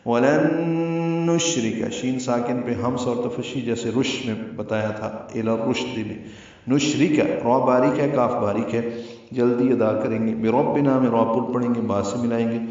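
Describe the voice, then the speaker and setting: A man teaching Quran recitation rules, explaining each rule step by step and slowly chanting the verses. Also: mid-range voice, fairly even intonation, darkish tone. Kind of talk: tajweed lesson with recitation. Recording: echoey, distant, slightly dull sound.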